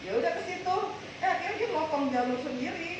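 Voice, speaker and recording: Distant, echoey, high lively voice. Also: fast, dull audio, noisy background.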